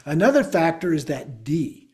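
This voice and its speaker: A man's voice: fairly high pitch, sing-song, normal speed, a little mellow. A man teaching a class on pronunciation, explaining step by step and checking in with his listeners. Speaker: Buddhist teacher.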